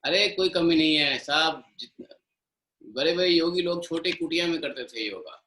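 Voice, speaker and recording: A man's voice: fairly high pitch, normal speed, sharp tone, roomy sound, rough recording. A middle-aged man with an Indian accent teaching a live online yoga class, switching between Hindi and English and coaching students by name.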